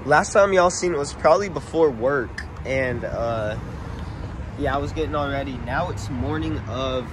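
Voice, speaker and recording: A man's voice: medium pitch, moderate pace. A man vlogging a road trip with his friends, talking in a joking, slangy, playful way from a car and a rented house. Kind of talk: casual road trip vlog. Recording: noisy car and street background.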